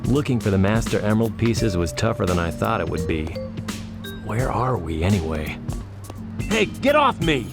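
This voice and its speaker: A lowish, lively male echidna tough guy in a cartoonish game. He is gruff and a little befuddled, grumbling plainly over loud music. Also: moderate pace, long pauses. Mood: indignant. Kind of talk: cartoonish video game acting.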